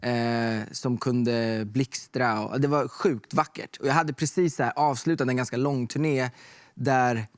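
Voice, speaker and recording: A young man talking as a guest, telling stories in a relaxed way with many fillers. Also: medium pitch, no echo, clean studio sound. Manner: relaxed storytelling with fillers like "liksom" and "typ". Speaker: guest artist. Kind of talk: casual chat.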